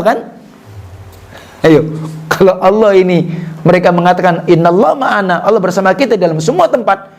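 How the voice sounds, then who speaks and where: Indonesian guy preaching, kinda high voice, reads arabic lines then explains, keeps asking ya kan. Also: darkish tone. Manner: explains Arabic texts with Indonesian translation, asks the audience rhetorical questions. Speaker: Islamic preacher. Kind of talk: sermon.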